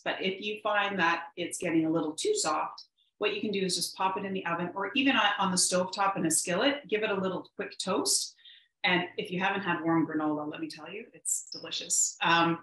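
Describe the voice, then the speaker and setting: A woman's voice: lowish voice, fairly bright tone. A woman presenting a live cooking demo from her home kitchen, chatty and upbeat with frequent ums. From Canada. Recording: roomy kitchen echo.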